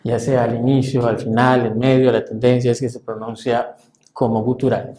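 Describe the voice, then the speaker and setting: Male language teacher, mellow, halting delivery, roomy echo. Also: mid-range voice, level tone. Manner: measured, halting with frequent fillers. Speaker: French teacher. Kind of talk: explaining pronunciation to a class.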